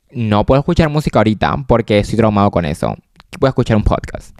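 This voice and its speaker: A young man chats casually on his own podcast, full of slang and English phrases dropped mid-sentence. His voice is smooth and clear, recorded dry and close with no room sound. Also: on the low side, a little mellow, no echo. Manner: chatty, slangy, mixes Spanish with English. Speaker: podcast host. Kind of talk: casual solo podcast chat.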